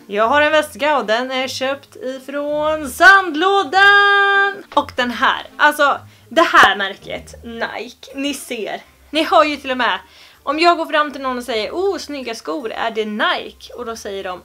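A woman's voice: a little high, bright, forceful tone. A young Swedish woman vlogging to camera in a playful, joking way, with exaggerated pronunciations. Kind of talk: casual vlog to camera.

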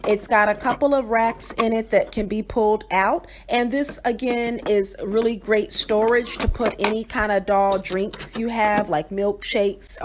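A woman's voice: on the high side, slight background noise. Cheerful woman narrating a toy review. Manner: cheerful, enthusiastic, descriptive with fillers. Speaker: doll channel host.

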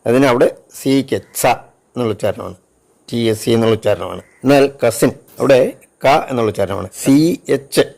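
A man's voice: mid-range voice, moderate pace, vocal fry, darkish tone. A man with a Malayali accent teaching a language lesson, spelling out words letter by letter. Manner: spells out letters one by one, switching between Malayalam and English. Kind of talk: slow spoken lesson.

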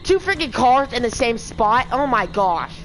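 A woman's voice: fairly high pitch, very animated, a little slow. A young woman giving casual, frustrated commentary over her gameplay, rambling and swearing. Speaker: gamer streamer. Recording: voice over game music.

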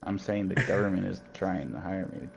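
A man's voice: low-pitched, moderate pace, creaky. A man bantering back at a friend in voice chat with dry, defensive comebacks. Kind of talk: casual banter over voice chat. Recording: dull lo-fi mic, faint hiss.

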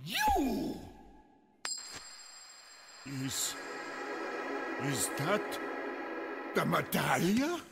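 A megalomaniac video game sorcerer, full of theatrical villain menace. His voice is very high and wildly swooping, and every phrase is stretched out very slowly. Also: huge pitch swings, vocal fry, exaggerated voice. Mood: bewildered. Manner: slow, theatrical villain menace with drawn-out shouts. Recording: game dialogue under loud music.

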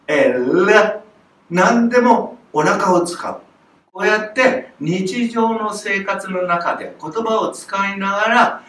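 Animated older man teaching, roomy echo. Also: sits high, distant mic. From Japan. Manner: animated, demonstrates sounds with strong breath. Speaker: music teacher. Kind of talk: lesson to camera. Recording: roomy echo, voice from off the mic, faint noise.

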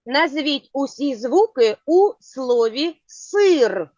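A woman teaching a children's phonics lesson, asking patient, clearly spoken questions. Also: sits high, big pitch swings, slow, no room sound. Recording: dull lo-fi sound.

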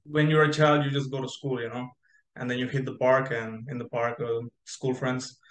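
Appearing as an interview guest on an echoey video call from a bright room, the young man who grew up in Spain rambles with frequent fillers and restarts. He speaks at medium pitch in a level, fairly bright tone, at a moderate pace.

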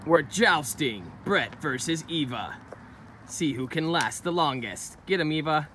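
A little slow but with lively intonation, a fairly high-pitched American man in his thirties narrates a family hike on a forest trail. He's a playful, encouraging father chatting casually while filming on a handheld phone, and the outdoor recording is noisy.

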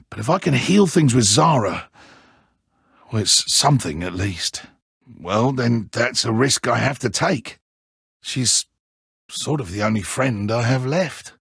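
A man playing a petulant, theatrical video game villain stripped of his godlike powers, with a raspy, strained, melodramatic delivery. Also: mid-range voice, no echo, studio quality, exaggerated voice. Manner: melodramatic, drawn-out, emphatic. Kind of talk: dramatic animated game acting.

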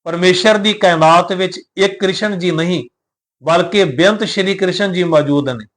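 A man teaching scripture recitation, slowly chanting each verse line and then calmly explaining its pronunciation, pauses and meaning. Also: high-pitched. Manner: calm, explanatory, spells out pronunciation. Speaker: Gurbani teacher.

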